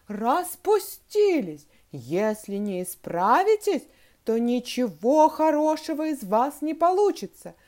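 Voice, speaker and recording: A woman voicing a strict, easily angered female schoolteacher who scolds her pupils in sharp outbursts, as she reads a story aloud to children. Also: high-pitched, full character voice. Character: strict irritable female schoolteacher, middle-aged.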